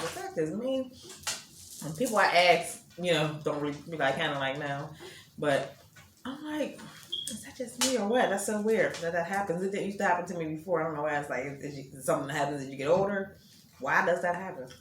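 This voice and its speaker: A middle-aged woman vlogging a meal at home, chatting casually to viewers and murmuring as she chews. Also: low voice. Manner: chatty, chewing and murmuring between sentences. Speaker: mukbang vlogger. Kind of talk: casual chat while eating. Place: indoors at home. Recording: echoey room with faint ambient noise.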